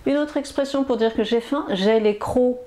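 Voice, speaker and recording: A woman teaching French expressions in a language lesson, saying each phrase several times with many pauses and fillers. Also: fairly high pitch, mellow. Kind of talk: slow, repetitive language lesson.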